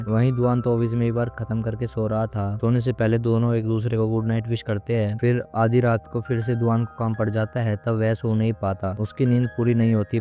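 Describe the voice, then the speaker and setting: A man's voice: lowish voice, mellow. A man recapping a TV drama episode in a casual storytelling way, retelling it steadily with small slips and restarts.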